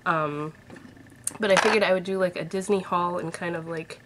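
Speaking at a normal speed in a steady tone, this Massachusetts woman in her thirties sounds congested from a head cold, her pitch a bit low. She's a vlogger rambling cheerfully and chattily to camera in her bedroom at home. A desk-distance webcam records her, leaving a faint hiss in the background.

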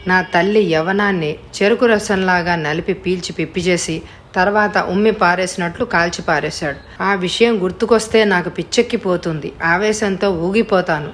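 A bitter, vengeful man with a harsh, mocking edge, as a woman reads him in a storybook. He sneers and threatens in a fairly low register. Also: moderate pace, slight background noise, natural voice. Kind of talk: audiobook character voice.

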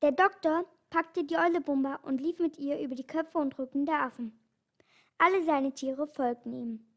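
High-voiced woman reading a children's story. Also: moderate pace. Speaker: audiobook reader. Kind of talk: scripted storybook narration.

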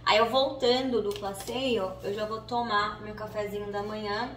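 A woman's voice: mid-range voice, steady tone, normal speed, roomy sound, distant mic. A Brazilian woman chatting through her day in a casual vlog, sometimes cooing at her dogs in baby talk. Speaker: vlogger. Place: home in cold weather, moving between rooms and outdoors. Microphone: phone held or propped nearby.

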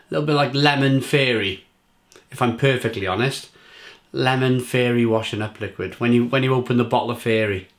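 A British man talks casually to camera as he reviews a beer. He rambles, restarts his sentences and piles up flavour notes with plain enthusiasm. His voice sits at an ordinary middle pitch for a man. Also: a little fast. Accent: British English. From England.

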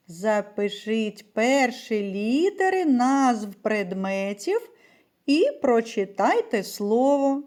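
A woman teacher giving a slow, sing-song early-years literacy lesson, speaking to small children. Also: fairly high pitch, warm tone.

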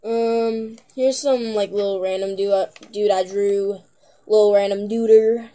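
A woman's voice: medium pitch, steady tone, measured pace, dark tone, clear, resonant tone. A young teenage girl vlogging in a casual, rambling way, giggling and filling gaps with lots of "um"s. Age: young teen. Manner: rambling, giggly, with many filler words. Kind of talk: casual chat to camera.

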